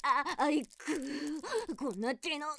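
A woman voicing a defiant, foul-mouthed captive young woman in an adult audio drama, talking rough and coarse, with stammers and panting between words. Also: sits high, expressive, slow pace, bright, forceful tone, heavily acted. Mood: flustered, panting. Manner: rough, coarse street talk, snarling threats.

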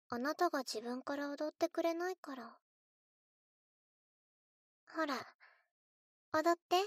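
A high, childlike little girl, speaks slowly in a cutesy, coaxing way. She is spoiled and eerily sweet, addressing the listener as her living doll in a scripted role-play, recorded close and dry. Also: dry recording. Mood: mock-concerned. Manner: cutesy, coaxing, childlike, refers to herself in third person.

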